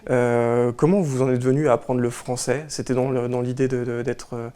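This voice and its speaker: A man's voice: mid-range voice, flat delivery, warm tone, smooth. A man hosting a local weekly newspaper show, presenting the issue and then interviewing a guest with hesitant questions. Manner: brisk read-through, then hesitant questions. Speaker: host.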